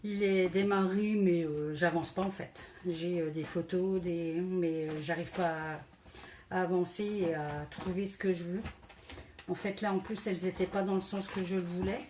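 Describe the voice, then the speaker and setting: A French woman with a lowish, slightly mellow voice shows off a casual scrapbooking haul at a normal, steady pace. She hesitates a lot, uses many fillers, and counts the items aloud as she presents them, with slight background noise.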